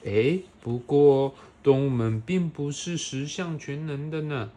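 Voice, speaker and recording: A woman's voice: deep voice, slow, dark tone. A woman reading a picture book aloud to a toddler, expressively, with questions and playful sound effects. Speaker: storyteller reading a picture book to a young child. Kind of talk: animated read-aloud to a toddler.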